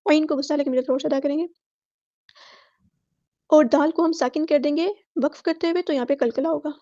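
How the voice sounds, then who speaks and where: A woman with an Urdu accent teaching Quran recitation rules word by word, explaining each rule quickly and then reciting the words slowly and loudly. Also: sits high, steady tone, dry recording, lo-fi sound. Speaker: tajweed teacher.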